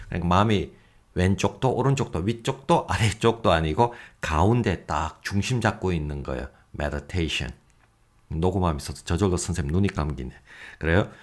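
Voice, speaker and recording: A man teaching English vocabulary in a recorded lecture, reading example sentences slowly and adding joking asides about himself. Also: low-pitched. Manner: lively, self-mocking asides with chuckles.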